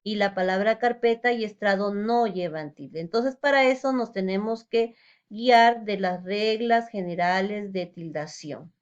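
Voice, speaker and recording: A woman's voice: mid-range voice, unhurried, lo-fi sound. A woman teacher giving a recorded lesson, explaining step by step and asking rhetorical questions.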